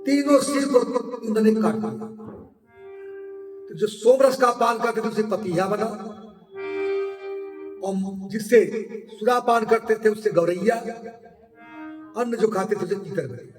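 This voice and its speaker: A man telling a scriptural story as a sermon, swelling loud on key words and dropping soft at the ends of phrases. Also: high voice, unhurried, pauses often. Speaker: devotional storyteller. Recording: echoey hall, mic far off, faint music.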